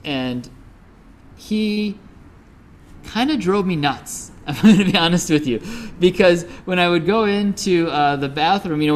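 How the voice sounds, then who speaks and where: Middle-aged midwestern guy teaching buddhism, chatty, lots of you-knows, slightly high voice. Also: slight background noise. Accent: Midwestern American. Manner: relaxed, conversational storytelling with many fillers. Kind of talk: dharma talk.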